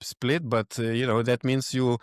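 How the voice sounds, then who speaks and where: A man, a podcast guest who talks in halting phrases and searches for his words. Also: medium pitch, level tone, clear, resonant tone, no echo, studio quality. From Lithuania. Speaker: guest, event organizer. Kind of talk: podcast interview.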